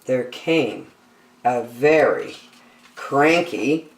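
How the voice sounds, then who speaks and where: In a roomy, echoing recording made with a distant mic, a woman reads a children's picture book aloud for storytime. Her voice is extremely low, and her phrasing is theatrical and deliberate.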